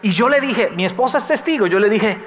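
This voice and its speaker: A middle-aged man preaching a sermon as pastor. He tells stories, swells to loud calls and drops to soft asides. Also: sits high, animated, brisk, crowd noise. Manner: preaching with sudden rises and soft dips, storytelling asides. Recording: echoey hall, faint room noise.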